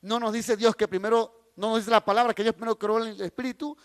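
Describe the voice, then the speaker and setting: A man's voice: high-pitched, fairly even intonation, a little fast, long reverb tail. A man teaching a Bible class, reading scripture aloud and explaining it with repeated, emphatic phrases while addressing the listeners directly.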